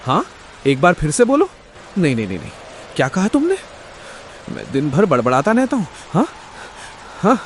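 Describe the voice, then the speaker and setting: Male actor as a grumbling poor husband in a cartoon, self-pitying, big pitch swings. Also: wildly swooping pitch, moderate pace, pauses often, a little hiss or hum. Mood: indignant. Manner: self-pitying, sighs and laments, flares up when accused. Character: poor grumbling village husband, bitter about fate.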